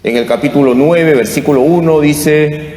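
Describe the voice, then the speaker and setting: Priest, measured pace, somewhat high voice, cathedral echo from far off, long reverb. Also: male voice, mellow. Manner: slow, deliberate, with chanted responses. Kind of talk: Mass reading and homily. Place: large church. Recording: echoey church, voice from afar.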